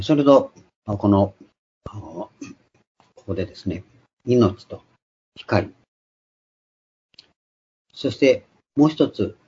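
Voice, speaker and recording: A man preaching a sermon, emphatic and shouting out quoted cries. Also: fairly low pitch, breathy edge. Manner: emphatic, raises voice sharply for quoted exclamations. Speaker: pastor. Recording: dull lo-fi recording.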